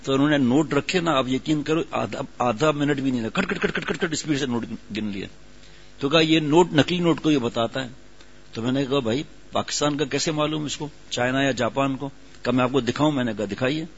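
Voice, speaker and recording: A man preaching a sermon, telling a story and then urging his listeners on with growing emphasis. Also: mid-range voice. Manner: storytelling, rising to emphatic exhortation. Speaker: religious preacher. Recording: dull lo-fi sound.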